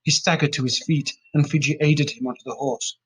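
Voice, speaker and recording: Husky male storybook narrator. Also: a little high, animated, a little fast, a bit bright, rough recording. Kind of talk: storybook reading.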